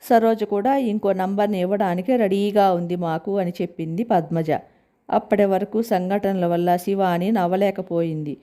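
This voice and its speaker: A woman narrating a family story aloud in a steady, plain storytelling manner. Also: mid-range voice, normal speed.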